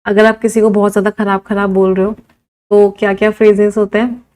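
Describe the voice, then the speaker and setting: A woman teaching an English vocabulary class. She lists words one by one, drawing each out slowly for students to write down, counts them aloud and answers students' suggestions. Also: mid-range voice, level tone, a little mellow, poor audio. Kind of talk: live exam-prep vocabulary lesson.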